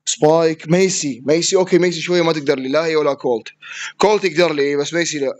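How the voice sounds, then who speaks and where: A man with an Iraqi Arabic accent commentates his own match at a rapid clip. His voice sits fairly high for a man, and he gets excitable, barking at opponents and cursing mid-play. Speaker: gaming streamer. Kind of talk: live gameplay commentary.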